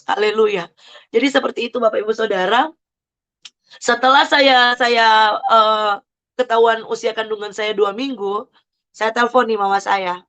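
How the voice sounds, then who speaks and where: A woman's voice: fairly high pitch, fairly even intonation, moderate pace, long pauses, a bit bright. Fervent woman giving church testimony. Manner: exclaiming and fervent, with frequent praise words.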